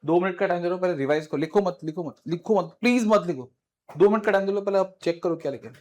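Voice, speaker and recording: A man teaching a physics class in mixed with English, quizzing his students in a brisk, informal way. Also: high-pitched, a little mellow, slight background noise. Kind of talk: classroom lecture.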